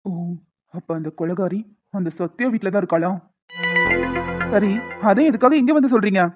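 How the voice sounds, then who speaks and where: A woman's voice: medium pitch, lively intonation, normal speed, music in the background, close to an everyday voice. A woman voicing a calculating young man who speaks in dry, sardonic lines in a cartoon. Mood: cold. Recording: tinny phone-like dry recording.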